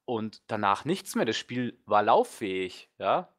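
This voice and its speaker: A man's voice: on the low side, big pitch swings, measured pace, a bit bright. A man, a guest let's player, chatting casually and rambling with lots of fillers and strong opinions. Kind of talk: casual podcast chat.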